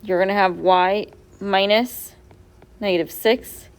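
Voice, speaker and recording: A woman's voice: mid-range voice, steady tone, slow pace, smooth. A woman teacher going over quiz answers step by step in a classroom, asking her students questions as she goes. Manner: patient, step-by-step, quizzes students. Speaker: math teacher.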